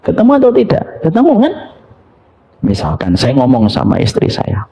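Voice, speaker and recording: A middle-aged man preaching a lively sermon, asking his audience questions and dropping to soft near-whispers for tender moments. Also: mid-range voice, normal speed, husky. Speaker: Islamic preacher. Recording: dull lo-fi lecture recording.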